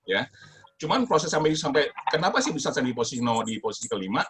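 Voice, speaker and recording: Self-mocking comedian man, lively pitch. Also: quick pace, a little hiss or hum. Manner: self-mocking, acts out both sides of quoted banter. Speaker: comedian guest. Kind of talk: casual advice chat.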